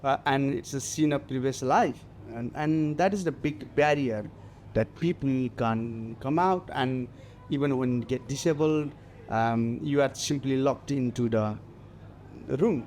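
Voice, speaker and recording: A man in his forties from Nepal, speaking with a Nepali accent, talking haltingly with many fillers as a guest on a festival stage interview. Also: mid-range voice, a little mellow, a little hiss or hum. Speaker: guest mountaineer.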